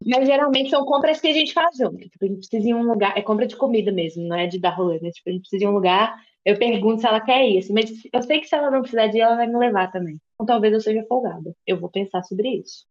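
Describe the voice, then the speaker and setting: A woman's voice: on the high side, rapid-fire, hardly any pauses, lo-fi sound. A woman from the interior of Minas Gerais with a Minas Gerais accent, co-hosting a podcast and telling stories in a chatty, rambling way. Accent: Minas Gerais Portuguese. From interior of Minas Gerais, Brazil. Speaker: podcast co-host. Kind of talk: casual chat.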